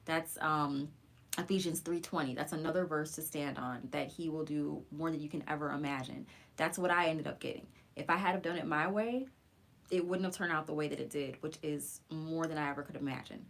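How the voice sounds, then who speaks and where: A woman in her forties, a faith vlogger, shares a personal testimony in a casual live stream, speaking earnestly and encouragingly. Her voice is deep and creaky, and she talks fairly quickly.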